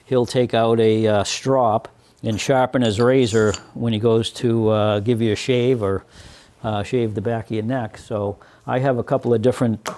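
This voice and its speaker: A man in his sixties with a mellow, darker voice of middle height walks through a carving lesson at his workshop bench. He speaks deliberately, pausing on fillers and restarting phrases as he works. Close lapel-style sound. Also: mid-range voice, steady tone. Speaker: woodworking instructor. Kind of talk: hands-on demonstration.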